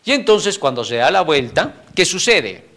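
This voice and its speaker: Male Bible lesson teacher, a bit high-pitched, highly expressive intonation, animated and chuckling as he explains. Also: normal speed. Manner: animated, frequent tag questions, chuckles between points.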